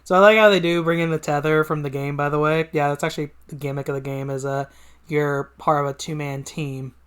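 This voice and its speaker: A man hosts a read-along. He comments casually, as in relaxed conversation. His delivery is plain and informal. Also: on the high side, fairly quick, smooth.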